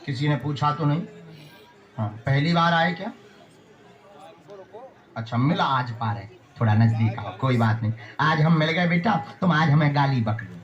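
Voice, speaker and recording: Authoritative high-voiced spiritual guru. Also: male voice, animated, moderate pace, long pauses, lo-fi sound. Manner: authoritative, issues short commands and rhythmic pronouncements. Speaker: spiritual guru holding court. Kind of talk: addressing devotees at a religious gathering.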